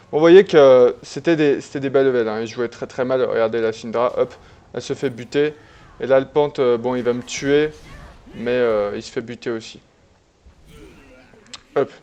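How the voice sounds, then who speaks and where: A man casually commenting on a replay of his own online game, relaxed and chatty, with many fillers and restarts. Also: mid-range voice, moderate pace.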